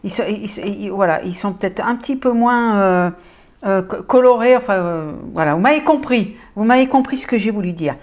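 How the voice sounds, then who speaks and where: Speaking at normal speed in a mid-range, darkish voice, a beauty vlogger walks her channel through some makeup palettes. It's a casual haul chat, hesitant and filler-heavy, though she clearly loves the colors.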